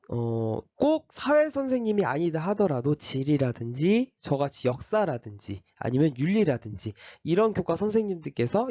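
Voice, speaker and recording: A high school history teacher with a slight cold walks his class through an orientation lecture step by step, full of fillers and false starts. His tone is dark, and the recording is dry and dull.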